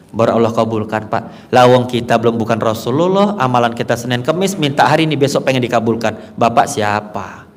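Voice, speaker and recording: Guy preaching to a crowd, goes quiet then loud, long hall echo. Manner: preaching to a crowd, swinging from hushed to loud and high. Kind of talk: sermon.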